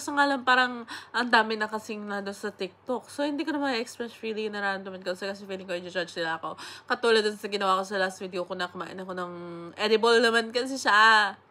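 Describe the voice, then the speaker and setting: Young Filipino woman, bright voice, sick, rambling casual vlog chat with frequent swearing. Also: a little high. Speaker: vlogger.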